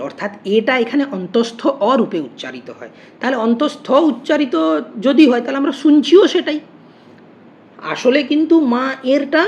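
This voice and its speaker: A woman teacher with a slightly high, somewhat mellow voice explains grammar step by step in an online lesson, posing questions and answering them herself. The recording is muffled and lo-fi, with faint noise.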